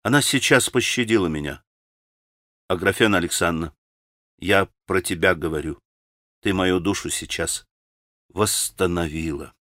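A male audiobook reader plays a gentle young man who speaks quietly but firmly. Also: deep voice, normal speed, long pauses, no room sound, clean studio sound, pitched below the performer's own voice. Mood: earnest.

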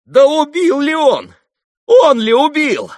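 A man reading an audiobook, voicing a proud, volatile young noblewoman who bursts into sharp, hysterical outcries. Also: mid-range voice, lively intonation, moderate pace, no room sound, studio quality, voice pushed up. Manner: sharp, hysterical outbursts and urgent whispers.

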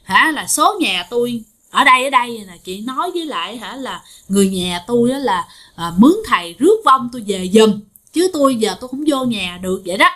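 A woman voicing the ghost of a man killed on the road, pleading softly and repeating her begging in a told ghost story. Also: a little high, animated, a little fast. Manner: soft, begging, repeating pleas.

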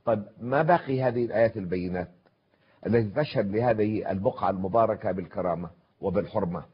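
Husky older man lecturing on scripture. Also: fairly low pitch. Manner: measured, reciting verses, pausing with drawn-out fillers. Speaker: scholar giving a televised Quran commentary. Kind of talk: formal televised religious lecture. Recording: dull lo-fi broadcast audio.

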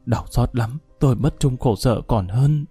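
An aging henchman in a hurry, his voice mellow and low-key but pressing and pleading, as a male storyteller reads him. The sound is dry and close, with faint music behind. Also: a little slow, husky, no echo. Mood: urgent. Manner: urgent, pleading. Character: older man, urgent and panicked henchman.

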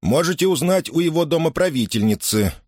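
A man's voice: a little high, animated, fairly quick, a little mellow, no echo, clean studio sound, voice pushed up. A man voicing an irritated, dismissive priest in an audiobook. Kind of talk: audiobook character reading.

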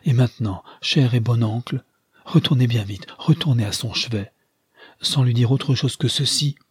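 A man's voice: mid-range voice, normal speed, breathy edge, dry recording. A man voicing a young mother, impassioned and tender, in an audiobook reading. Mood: urgent tender. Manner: pleading, urgent.

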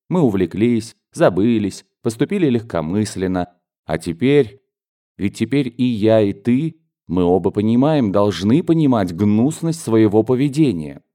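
A man's voice: fairly low pitch, lightly acted. A man reading a grave, remorseful lover. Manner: quiet, soft, deliberate.

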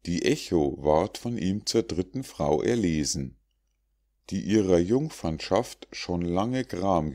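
For an audiobook of rhymed fables, a man reads in a deep, low, warm voice. His pacing is slow and careful, lending the verses a declamatory, measured cadence.

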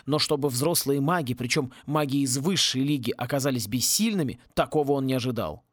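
A man narrating a humorous fantasy audiobook in a playful, lively manner on a close home mic. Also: mid-range voice, fairly quick, no room sound.

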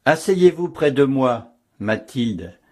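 A man reading the lines of a grave, measured monk prior in an audiobook. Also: mid-range voice, expressive, darkish tone. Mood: gently firm. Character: grave male monk prior, torn and firm.

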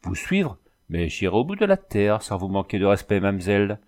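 A man's voice: lowish voice, very animated, normal speed, darkish tone. A man voicing a boisterous, flirtatious former cavalry soldier who talks in boastful, rattling exclamations. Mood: excited.

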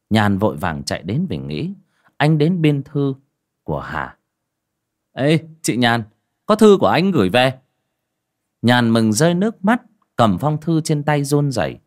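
Expressive male narrator. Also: lowish voice. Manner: dramatic, emotional reading. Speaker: audiobook narrator.

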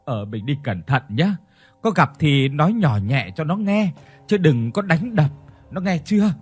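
A man's voice: fairly high pitch, very animated, a little slow, a little mellow, breathy edge, soft background music, exaggerated voice. A man voicing an anxious, fretting village wife and mother in a ghost story. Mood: pleading. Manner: fretting, wailing.

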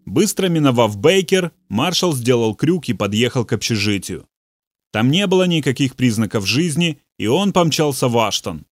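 A man narrating an audiobook in a measured, steady storytelling voice. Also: mid-range voice, dry recording, soft background music. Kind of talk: audiobook reading.

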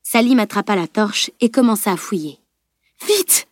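A woman narrating an audiobook in an even, measured storytelling manner. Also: mid-range voice, dry recording, studio quality.

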